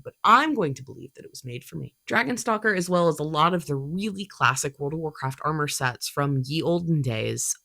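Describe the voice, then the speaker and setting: A woman's voice: low voice, a bit bright. Young woman, stuffy allergy voice, chatty and self-mocking, casual vlog ramble. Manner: chatty, self-deprecating, thinks aloud. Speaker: cosplay vlogger. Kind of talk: rambling casual talk to camera.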